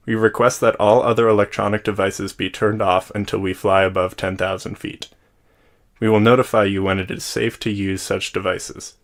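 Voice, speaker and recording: A man playing a flight crew member, reading a formal in-flight cabin announcement in a steady, measured way. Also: fairly low pitch, close to an everyday voice.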